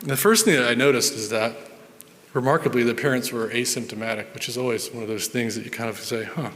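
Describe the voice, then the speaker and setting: A neurologist tells patient stories in an earnest, storytelling-style conference talk, often repeating words as he thinks. His medium-pitched voice holds a steady tone, comes out fast, and sounds a bit bright. Sound reverberates through the large conference hall.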